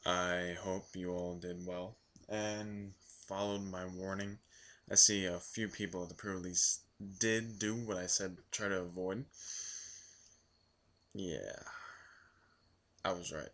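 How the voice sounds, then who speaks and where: A man with a hoarse, worn voice from yelling, recapping a card game event in a casual, rambling vlog full of ums and restarts. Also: low voice, fairly even intonation, takes it slowly, pauses often.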